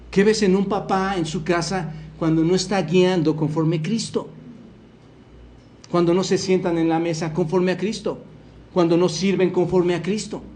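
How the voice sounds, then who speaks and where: A man's voice: fairly high pitch, darkish tone, a little hiss or hum. A man from Mexico preaching a sermon as pastor, earnestly quoting scripture and putting questions to the congregation. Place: church hall.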